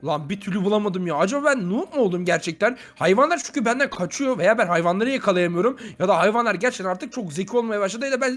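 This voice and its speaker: A man playing a grumpy, unlucky young man in an animated game video, grumbling and exclaiming often. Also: high voice, rapid-fire, hardly any pauses. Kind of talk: animated game role-play.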